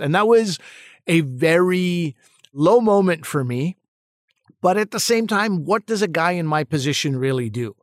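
A man's voice: on the high side, no echo, studio quality. A male actor and comedian answering interview questions thoughtfully, often restarting and repeating words.

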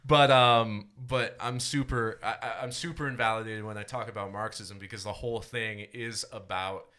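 A man's voice: lowish voice, fairly even intonation, moderate pace, pushed and bright. A man in his twenties talking politics on a casual podcast, rambling and swearing, laughing often and restarting his sentences. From United States. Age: 20s. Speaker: podcast co-host.

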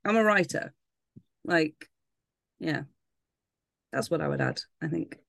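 A woman's voice: deep voice, takes it slowly, gravelly, no echo, clean studio sound. A woman co-hosting a podcast in casual chat, blunt and informal, repeating phrases for emphasis. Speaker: podcast co-host.

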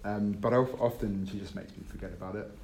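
A man answering interview questions, hesitant and quick to laugh. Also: fairly low pitch, steady tone, a little mellow. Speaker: interview guest, business owner. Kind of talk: casual interview. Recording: roomy with faint background noise.

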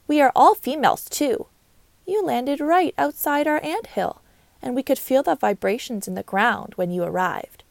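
Proud worker ant, voiced by a woman, loud and brisk, a bit gravelly. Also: sits high, lively intonation, no room sound. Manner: brisk and loud, matter-of-fact. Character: strong, proud female worker ant, busy and friendly.

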